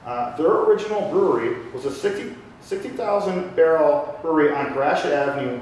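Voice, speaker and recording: A man's voice: a little high, far from the mic. A man giving a casual, joking public lecture, chatting with the audience. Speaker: lecturer on local brewing history. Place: lecture room with a live audience. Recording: echoey room, voice from off mic, faint hiss.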